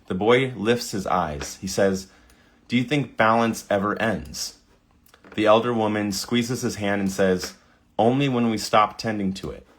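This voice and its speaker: A man with a fairly low voice reads scene prompts aloud in an easygoing commentary. He trips over a word now and then and breaks off to react with amused delight. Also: a bit bright. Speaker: video creator. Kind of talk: casual screen-recording commentary.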